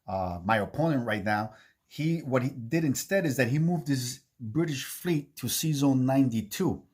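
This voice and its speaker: Man, game series host, casual recap commentary, halting delivery, repeated phrases, indoor bunker room. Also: mid-range voice, a little mellow. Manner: halting, repeats himself, frequent "okay" check-ins.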